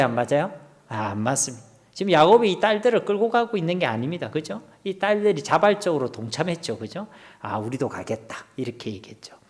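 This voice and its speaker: A middle-aged male pastor with a Gyeongsang Korean accent, preaching an expository sermon in a church hall. He asks the congregation questions and drops to near-whispers. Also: medium pitch.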